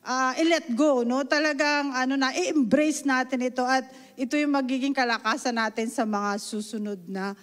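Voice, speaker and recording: A middle-aged woman from the Philippines delivers a sermon in an earnest, emotional way, switching between Tagalog and English and checking in with her listeners. Her voice sits a little high. The sound rings with the long reverb of a hall. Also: fairly even intonation, normal speed. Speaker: preacher. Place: church hall.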